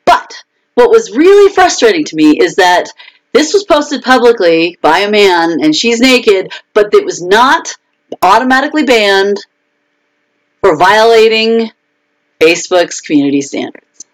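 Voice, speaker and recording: A woman's voice: mid-range voice, big pitch swings, a little slow, rough recording. A woman author chatting casually on her own live video stream, talking through frustrations with fillers and restarts.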